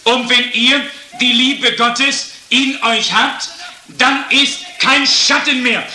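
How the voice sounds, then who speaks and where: A man preaching a sermon, telling a story and then addressing the congregation in a slow, measured way. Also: very high-pitched, pushed and bright, roomy sound, a little hiss or hum, rough recording.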